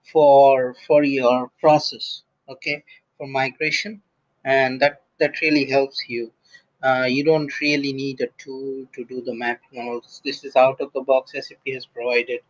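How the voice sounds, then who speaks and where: Man demoing software, lo-fi audio. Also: medium pitch, steady tone, measured pace. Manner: casual, thinking aloud, many restarts and fillers. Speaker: SAP instructor. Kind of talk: screen-recorded software tutorial.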